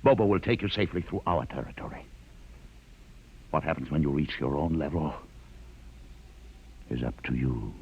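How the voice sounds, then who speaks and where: An actor playing a grave, weary leader of shipboard outcasts in 1950s radio drama, measured and solemn in delivery. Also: male voice, very deep voice, background noise. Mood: resolute. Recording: muffled, dull 1950s radio recording.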